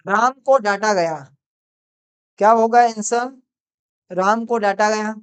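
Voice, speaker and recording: A man teaching an English class live online from a mobile phone, slowly repeating each sentence, calling out students by name and praising their answers. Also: high voice, steady tone, clean tone.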